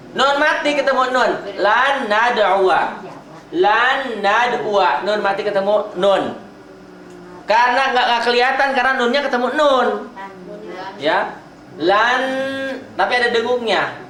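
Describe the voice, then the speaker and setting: A man's voice: high voice, bright, forceful tone. A man teaching a Quran recitation class, patiently repeating each example and drawing out the recited phrases. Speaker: tajwid teacher. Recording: roomy echo.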